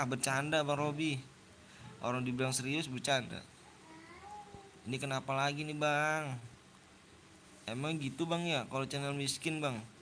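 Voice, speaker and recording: Young man, Jakarta accent, casual stream host, slightly high voice, faint hiss behind. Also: pushed and bright. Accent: Jakarta Indonesian. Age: 20s. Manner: slangy, repeats himself, lectures viewers on manners. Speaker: livestream host running custom game rooms. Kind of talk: casual livestream chat.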